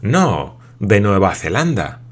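A man voicing a loyal old sailor who answers calmly, puzzled by the questions. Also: on the low side, takes it slowly, exaggerated voice. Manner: calm, plain, bewildered.

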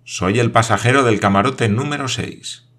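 A man's voice: mid-range voice, fairly bright tone, pitched above the performer's own voice, natural voice. A man doing a chatty, scatterbrained traveler. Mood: eager. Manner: rapid-fire questions, hops between topics. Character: chatty absent-minded lanky foreign traveler man.

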